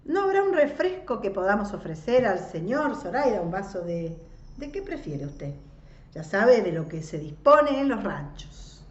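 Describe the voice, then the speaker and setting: A woman's voice: mid-range voice, big pitch swings, measured pace, pitched above the performer's own voice. Female reader voicing a cautious, paternal old landowner, muffled echoey recording. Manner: paternal, falsely jovial, cautious. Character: older landowner man, paternal and awkward.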